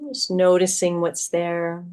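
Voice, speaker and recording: A woman yoga teacher guides a meditation, soothing and gently instructive, with long pauses between phrases. Her voice sits on the low side, smooth and monotone.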